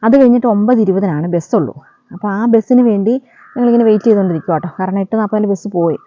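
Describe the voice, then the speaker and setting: A woman vlogger tells a casual story at a quick pace, her medium-pitched voice chatty and her sentences often ending with a friendly "you know." The recording is dry, dull and lo-fi.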